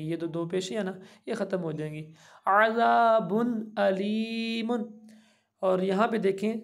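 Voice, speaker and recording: A man teaching a Quran reading lesson, patiently spelling out each letter and vowel mark, with slow drawn-out recitation between explanations. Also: sits high, vocal fry, a little mellow.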